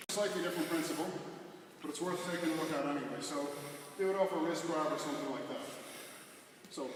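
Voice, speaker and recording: A man's voice: a little high, distant mic. A man teaching a martial arts class, demonstrating techniques with casual explanations and short, clipped instructions. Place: large echoey indoor training hall. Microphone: distant camera microphone. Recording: echoey hall from afar, clear background noise.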